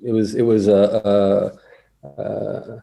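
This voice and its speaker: A man's voice: fairly low pitch, level tone, slow, vocal fry, dark tone. A man in his forties, a podcast guest, talking casually and hesitantly, with many fillers and repeated words. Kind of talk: casual interview chat.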